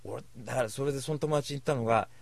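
Brief: man, casual talk host, rapid blunt rambling, dry close sound. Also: medium pitch, no echo. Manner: blunt, rambling, self-described cynic; slangy rough speech. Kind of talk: casual storytelling monologue.

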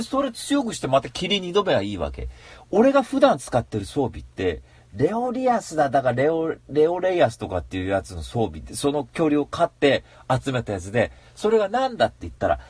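Man, casual solo monologue, animated storyteller, raspy husky voice, dry close sound. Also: fairly high pitch, dry recording. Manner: animated storytelling, mock ranting.

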